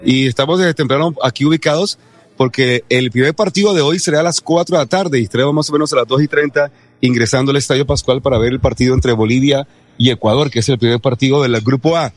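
A man's voice: mid-range voice, fast, no echo. A man reporting live from a location for a sports radio show, chatty and describing the scene around him. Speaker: field reporter.

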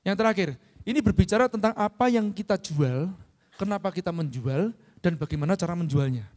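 A middle-aged man giving a motivational business talk, often asking his listeners whether they understand and clearing his throat. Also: high-pitched, expressive, brisk, darkish tone. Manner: checks understanding with frequent tag questions. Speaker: business speaker. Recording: long hall reverb.

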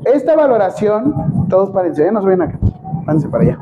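A man's voice: high voice, very animated, a little fast. A man with a Mexican accent teaching a hands-on first aid class, joking and addressing the group directly. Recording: dull, noisy recording.

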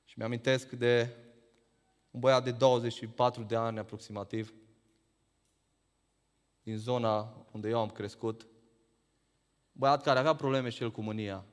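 A man preaching a sermon, firing rhetorical questions that climb to emphatic peaks and then drop low. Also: steady tone, long pauses, in a large hall.

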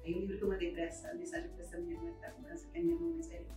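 Fast-talking woman telling her story. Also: extremely high pitch, very animated. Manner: vivid, acts out quoted dialogue. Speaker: podcast guest. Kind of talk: personal storytelling in an interview. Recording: roomy, distant mic, faint music behind.

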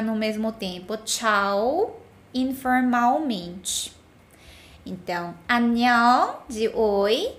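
Korean teacher lady, kinda high voice, talks slow and patient, says stuff twice. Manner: patient, repeats words for the learner to echo. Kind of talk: casual language lesson.

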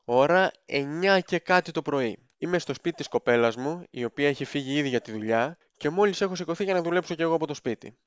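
A man's voice: a little high, animated, smooth, no echo, lo-fi sound. A man telling a story about his own morning in a dry, self-mocking, conversational way. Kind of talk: casual storytelling.

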